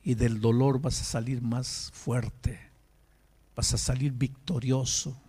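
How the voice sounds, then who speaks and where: A man's voice: mid-range voice, level tone, slow, dark tone, breathy edge. A male pastor preaching a sermon, telling a story and rising to impassioned emphasis.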